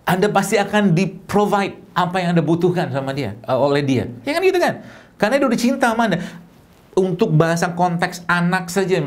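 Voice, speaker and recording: A middle-aged male preacher, talking to his congregation in a casual, chatty sermon. His pitch swings widely, rising high on his questions and dropping low and soft on his tender asides. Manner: conversational, animated, with rhetorical questions.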